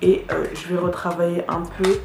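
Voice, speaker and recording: A woman's voice: fairly low pitch, little pitch movement, normal speed, gravelly, roomy sound, heavy background noise. A woman vlogger chatting casually with lots of fillers while she does her makeup. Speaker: beauty vlogger. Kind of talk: casual get-ready-with-me makeup narration.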